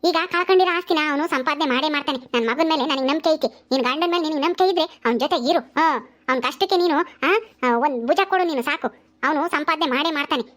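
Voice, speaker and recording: A woman playing a sharp-tongued village mother. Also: high voice, fast. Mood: lecturing. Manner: scolding, exclaiming often.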